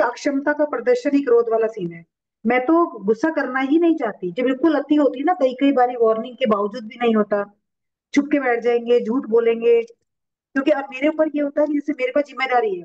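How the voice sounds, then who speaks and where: A woman with a high voice speaks quickly and earnestly in an online discussion. Her call audio is dull and lo-fi. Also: a little mellow. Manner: earnest, explains at length. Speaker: participant. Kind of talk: casual discussion.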